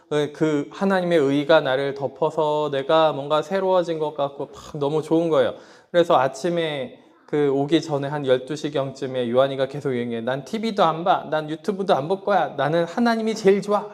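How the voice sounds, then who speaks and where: A man preaching a sermon to children, telling a family story and often asking his listeners questions. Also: a little high. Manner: warm storytelling with questions to listeners and light laughs; acts out a child's quoted words. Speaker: pastor.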